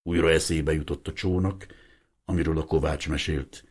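A man reading a novel aloud in a measured storytelling manner. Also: a bass voice, fairly even intonation, husky. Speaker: audiobook reader. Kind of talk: scripted novel narration.

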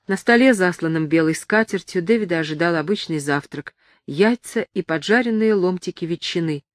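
Lady reading an audiobook, steady and measured, dry close mic. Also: lowish voice, no room sound. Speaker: audiobook narrator. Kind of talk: scripted narration of a novel.

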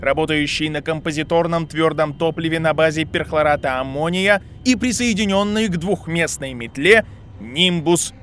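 Man narrating an audiobook, fairly high voice. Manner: steady, measured storytelling.

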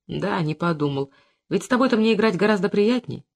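An audiobook reader voicing a patient, slightly guilty husband who speaks softly and coaxingly. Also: mid-range voice, animated, brisk, vocal fry. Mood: gentle. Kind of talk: audiobook character reading.

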